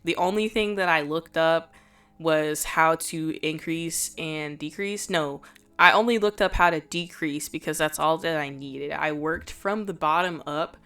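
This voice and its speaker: Her deep, fairly bright voice is smooth but nasal from a cold, and she talks a little slowly. Chatty and self-mocking, she banters playfully through a relaxed vlog and voice-over about her crafts.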